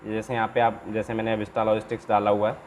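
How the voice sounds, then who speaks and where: A man with a lowish voice talks fast in a completely flat delivery. He's the trainer and host of an instructional video channel, informally explaining paperwork step by step, often repeating himself and using small check-in tags; background noise and room ambience come through clearly.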